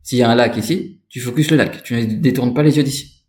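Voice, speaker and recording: A man's voice: medium pitch, fairly quick, a little mellow, roomy sound. A man giving an informal spoken lesson on energy and chakras, rambling and addressing the listener directly. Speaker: spiritual energy instructor.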